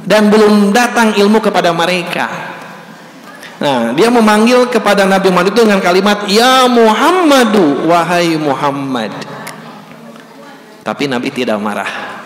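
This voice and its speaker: A man preaching with a Sundanese accent, telling a story slowly and deliberately and acting out the shouted calls in it. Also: fairly high pitch, slight background noise. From West Java, Indonesia. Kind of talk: sermon. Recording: echoey hall with faint ambience.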